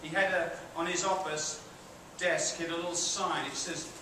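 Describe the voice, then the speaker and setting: Heard from a distance through heavy hall echo and noise, a middle-aged British man lectures students in a large theatre before an audience. He has a British accent and a slightly high, pushed, bright voice with a flat delivery at normal speed, while keeping things chatty with questions to the room and self-deprecating remarks.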